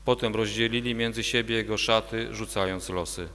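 Male narrator for a church reading, steady, long reverb. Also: fairly low pitch, moderate pace. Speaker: narrator of the Passion. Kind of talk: liturgical reading.

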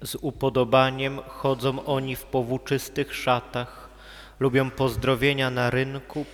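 A man reading a gospel passage aloud at a church service, steady and deliberate. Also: mid-range voice. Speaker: gospel reader. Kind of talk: liturgical reading. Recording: long church reverb.

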